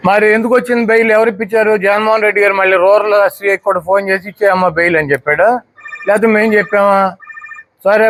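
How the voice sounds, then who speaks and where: A man's voice: high-pitched, fairly bright tone, no echo. A man giving a combative statement to the press, firing off repeated rhetorical questions. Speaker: politician speaking to the press.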